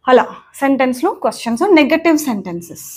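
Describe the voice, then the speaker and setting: A woman's voice: high-pitched, animated, fast, slightly rough. Young female language teacher, patient and repetitive, drilling grammar. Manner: repetitive, checks in with "okay?" often. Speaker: English teacher. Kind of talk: spoken lesson explaining grammar.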